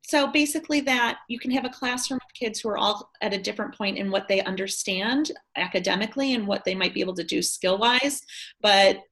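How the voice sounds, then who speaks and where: A woman's voice: mid-range voice, a little fast, fairly bright tone, rough recording. A woman teacher on a video call, explaining a classroom idea at length, thoughtful with some hesitations. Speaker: teacher participant.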